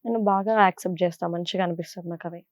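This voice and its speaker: A woman's voice: fairly low pitch, racing, no room sound, studio quality. A young woman, a television serial actress with a Godavari Telugu accent, chatting in an interview with lots of fillers. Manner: chatty and animated, with frequent fillers. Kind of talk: casual interview answers.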